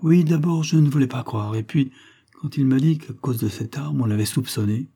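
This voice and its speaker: Guy doing a frightened young woman pleading, husky dark read, storybook style. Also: medium pitch, normal speed, voice pushed up. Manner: pleading, emotional.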